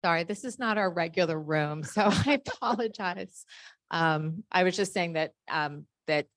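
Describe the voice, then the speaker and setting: A woman's voice: fairly low pitch, normal speed, no echo. A woman moderating a seminar, relaying questions from the room and the chat in an apologetic, lightly laughing manner.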